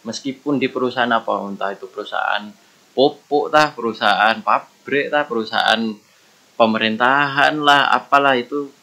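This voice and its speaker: A man's voice: mid-range voice, normal speed, bright, forceful tone, poor audio. A man gives casual career advice as a podcast guest, earnest and meandering, often restarting his sentences.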